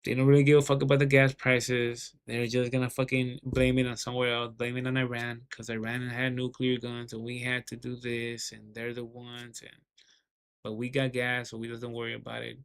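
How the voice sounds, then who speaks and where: Flat-voiced, profane male market commentator. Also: mid-range voice, moderate pace, smooth. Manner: profane, rambling, heavy swearing; repeats words and restarts often. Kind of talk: casual market commentary vlog.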